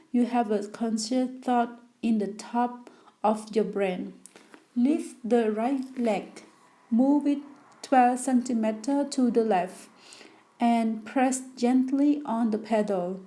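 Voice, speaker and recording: Woman audiobook narrator, slightly high, soft dark timbre, unhurried self-help read. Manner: slow, careful reading with small restarts.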